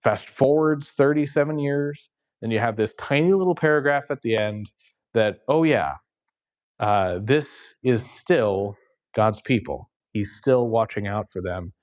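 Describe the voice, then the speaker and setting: A man's voice: mid-range voice, unhurried. A man leading a church Bible study, reading scripture aloud, stumbling over hard names, then explaining it in a casual, chatty way. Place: church classroom.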